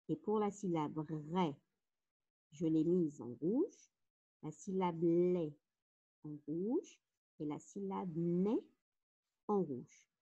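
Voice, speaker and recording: A woman with a Moroccan French accent teaching a phonics lesson, slowly spelling out letters and syllables. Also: on the low side, warm tone, husky. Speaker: primary school teacher. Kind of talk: slow, deliberate phonics lesson. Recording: dull, lo-fi recording.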